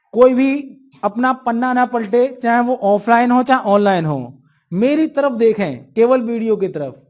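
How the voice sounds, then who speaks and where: A man's voice: very high-pitched, darkish tone. A male teacher lecturing an exam-prep class, asking questions and answering them himself.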